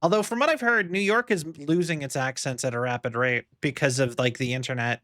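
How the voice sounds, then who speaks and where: Young male streamer, chatty and rambling, bright clear voice. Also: medium pitch, a little fast, no room sound, studio quality. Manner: rambling, musing, many fillers. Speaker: livestreamer. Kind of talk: casual chat while gaming. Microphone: streaming mic.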